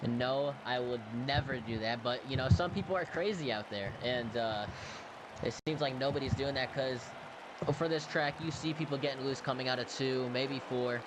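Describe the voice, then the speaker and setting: A man with a medium-pitched voice offers casual racing analysis as a color commentator. He talks informally and a little hesitantly, over clear, vehicle-like rumbling noise. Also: normal speed. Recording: very noisy audio with vehicle-like rumble.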